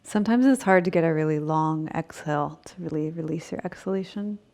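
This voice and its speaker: A woman's voice: low-pitched, vocal fry, a little mellow. A woman yoga teacher leading a breathing exercise in short, spaced phrases, with audible breaths and sighs. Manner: slow, pausing delivery in short phrases. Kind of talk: guided breathing and yoga instruction.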